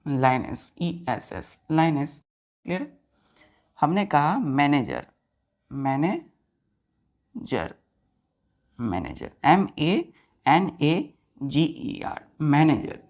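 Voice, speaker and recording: Slow and expressive, this woman's low voice has a darkish tone as she teaches grammar. Words get spelled out letter by letter and answers repeated, while she keeps checking her students' understanding.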